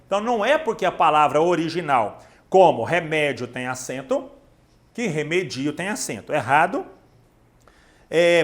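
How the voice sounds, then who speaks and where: A man with a Brazilian Portuguese accent giving an online grammar lesson, emphatic and speaking straight to the student. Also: on the high side. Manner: emphatic, addresses the student directly. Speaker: Portuguese teacher.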